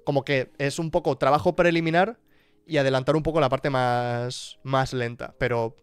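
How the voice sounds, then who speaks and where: A man's voice: medium pitch, fairly even intonation, moderate pace, clean tone, dry recording. A man from chatting casually on a live stream about his work, thinking aloud with frequent restarts and asides. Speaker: streamer and YouTuber.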